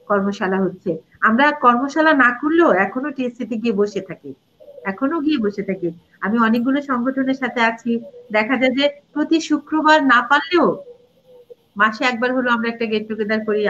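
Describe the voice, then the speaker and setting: Woman, middle-aged, higher voice, teacher explaining pronunciation, dull lo-fi sound. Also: fairly bright tone, slight background noise. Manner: explains pronunciation rules, demonstrates words and sung lines. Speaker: guest, Bangla teacher and reciter. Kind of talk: live interview conversation. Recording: dull lo-fi audio.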